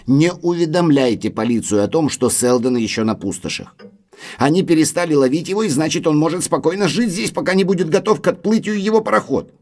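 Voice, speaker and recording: An actor playing Barrymore, an earnest, deferential manservant, with respectful, formal and imploring speech in an audio drama. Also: male voice, a little high, darkish tone.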